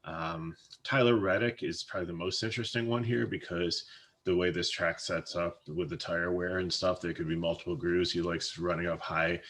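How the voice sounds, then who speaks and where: Low-voiced man talking racing picks. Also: little pitch movement, normal speed, a bit bright, slight background noise. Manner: hesitant, many restarts and fillers. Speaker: co-host, fantasy sports analyst. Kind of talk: casual podcast chat.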